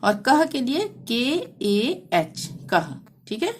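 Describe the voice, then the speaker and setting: A woman teaching a language lesson, explaining slowly and patiently, often pausing to check that the listener follows. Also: high-pitched, big pitch swings, a little hiss or hum. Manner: slow, repeats "theek hai" to check understanding. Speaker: Hindi teacher.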